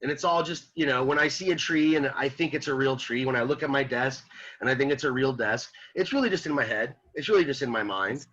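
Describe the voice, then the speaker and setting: A man teaching a philosophy class, reading a text aloud and explaining it with lively repetition and questions to students. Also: mid-range voice, fairly quick, lo-fi sound. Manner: animated, repeats himself, rhetorical questions to students.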